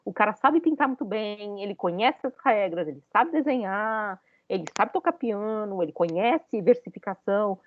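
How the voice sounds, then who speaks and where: A woman's voice: medium pitch, expressive, moderate pace, hardly any pauses, narrow, tinny audio, slight background noise. A woman giving a university lecture, talking it through with many hesitant fillers and questions to her students.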